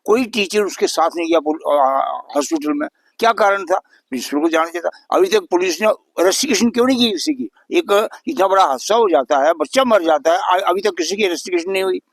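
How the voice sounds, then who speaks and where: An elderly man in his eighties speaks in a higher register than most men. His voice is dry and close, with almost no room sound. He talks earnestly and indignantly, pressing the same complaints again and again. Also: no room sound. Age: 80s. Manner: earnest, indignant, repeats points for emphasis. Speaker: local resident interviewee. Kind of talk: news interview.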